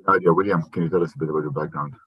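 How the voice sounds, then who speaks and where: Halting low-voiced male podcast host. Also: fairly even intonation, slightly rough, no echo, dull audio. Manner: halting, many filler sounds. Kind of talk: podcast interview.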